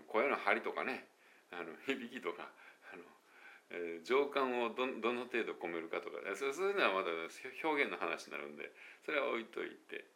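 A man with a low, creaky, sharp-toned voice chats casually as a pronunciation coach in a monologue video. He mixes English phrases into his Japanese, corrects himself, and laughs at his own slips.

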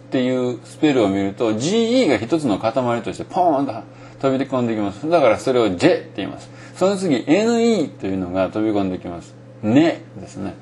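A man's voice: medium pitch, mellow, a little hiss or hum. A middle-aged man with a Kansai Japanese accent, giving a casual spoken lesson on English pronunciation and thinking aloud with many fillers.

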